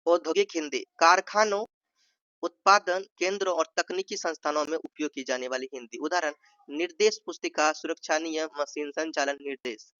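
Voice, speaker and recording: Hindi tutor with a slightly high voice. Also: male voice, moderate pace, bright, forceful tone, smooth, no echo, lo-fi sound. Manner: repeats points, says "ठीक है" often, acts out sample tones. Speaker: exam-prep teacher. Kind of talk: explanatory Hindi lesson.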